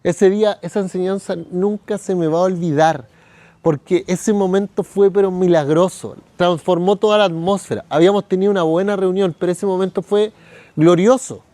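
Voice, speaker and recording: A man's voice: sits high, steady tone, moderate pace, warm tone, no room sound. Man telling a sermon story. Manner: storytelling, acts out quoted voices. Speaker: pastor. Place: church service.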